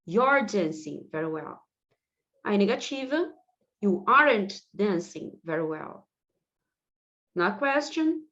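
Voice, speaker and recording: Uma professora de inglês brasileira dando uma aula de gramática online com calma e paciência. Ela soletra letras e repete exemplos devagar. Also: female voice, mid-range voice, dull audio. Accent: Brazilian Portuguese. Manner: patient, explanatory, spells out letters and repeats examples slowly. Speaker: English teacher. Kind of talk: online grammar lesson.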